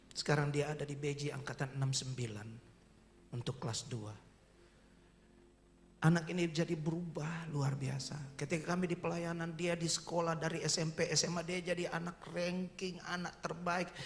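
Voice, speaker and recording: A middle-aged male pastor preaching in a church. He tells a personal testimony with deep emotion and keeps calling out to the congregation. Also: a little hiss or hum. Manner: emotional, earnest storytelling that addresses the congregation directly. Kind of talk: sermon testimony.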